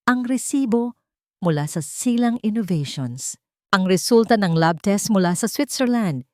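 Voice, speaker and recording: A woman with a Filipino accent narrates a scripted dramatic story as an audiobook reader. Her medium-pitched voice is expressive, unhurried, and darkish, on a dry, clean studio recording.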